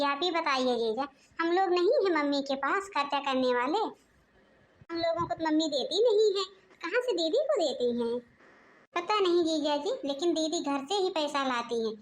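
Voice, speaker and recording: A woman's voice: high voice, animated, moderate pace. A woman voicing a scheming young daughter-in-law in a cartoon, sweet-talking and sly.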